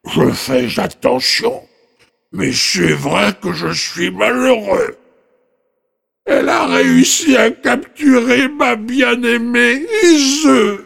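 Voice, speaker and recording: A man voicing a sad, lovesick male ogre with a big gruff voice, slow and mournful, rising into high wails. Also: a bit bright, full character voice. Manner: slow, mournful, swings between low rumble and high wails.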